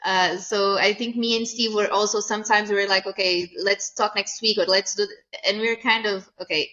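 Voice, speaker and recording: A woman from Mozambique, the chief executive of an agency, answering interview questions earnestly, with some halting restarts. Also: mid-range voice, fairly even intonation, bright, forceful tone, dull audio. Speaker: agency CEO, guest. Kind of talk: conversational interview.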